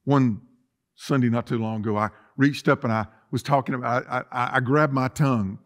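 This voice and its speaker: A middle-aged man preaches as pastor in a church sanctuary among empty chairs, his medium-pitched voice steady and moderately paced. His sermon is emphatic and filled with rhetorical questions and repetition.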